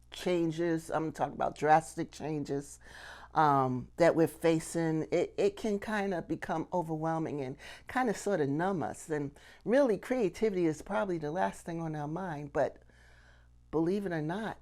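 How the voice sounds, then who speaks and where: With a deep, darkish voice, the middle-aged puppetry instructor delivers a casual lesson to camera. She keeps the listener engaged through rhetorical questions and frequent "okay?" check-ins.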